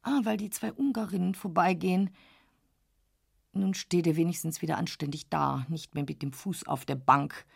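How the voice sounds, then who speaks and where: Eine Frau liest einen Roman in der Ich-Form, als lebhaften, aufgewühlten inneren Monolog, nah am Mikrofon. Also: female voice, fairly low pitch, gravelly, slightly rough. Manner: lively, agitated inner monologue, quick shifts between whisper and urgency. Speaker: audiobook reader. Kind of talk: literary first-person reading.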